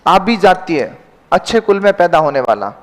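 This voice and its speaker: A man's voice: sits high, big pitch swings, normal speed. A man teaching a Hindi grammar class, dictating spelling corrections word by word and quizzing his students, whom he calls "beta". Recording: long reverb in a classroom.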